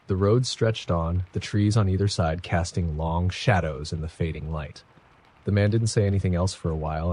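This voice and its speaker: A man reading a first-person horror story in a measured, somber scripted narration. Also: low voice, a little mellow, slightly rough.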